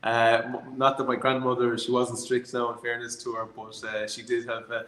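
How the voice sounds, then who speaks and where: A man with a west of Ireland accent telling stories conversationally, in a reflective, hesitant way with many pauses. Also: mid-range voice, monotone, fairly bright tone. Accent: Irish, west of Ireland. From Galway, Ireland. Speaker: distillery founder being interviewed. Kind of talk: conversational storytelling. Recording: roomy, echoey sound.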